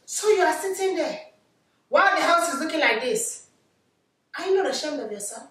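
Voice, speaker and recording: A high-voiced, indignant West African mother played by a woman in a comedy skit scolds with pointed questions. The sound is distant and very echoey, as in a bare room. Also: lively intonation, moderate pace, a bit bright. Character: scolding, exasperated African mother coming home. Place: living room, far camera. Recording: echoey room, far from mic.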